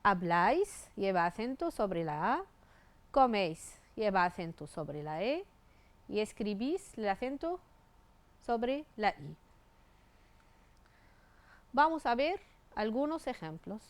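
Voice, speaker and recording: A woman's voice: mid-range voice, sing-song, slow pace, long pauses, no room sound. A woman teaching Spanish grammar, reading out verb forms one by one and spelling out the endings. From Tunisia. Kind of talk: grammar lesson.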